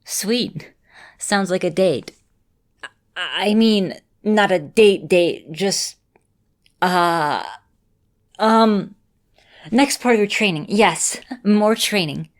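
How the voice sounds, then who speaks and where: A voice actor in a roleplay audio, a woman with a medium-pitched voice, plays a caring, composed vampire mistress and mentor in an ASMR roleplay. She addresses the listener directly in measured, formal phrasing, though her mood comes across as flustered.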